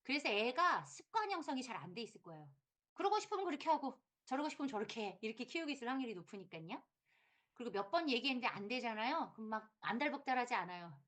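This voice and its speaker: A woman teacher giving a lively lecture to parents, often acting out what parents and teachers say in quick little voices. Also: a little high. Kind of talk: lively lecture with acted-out quotes.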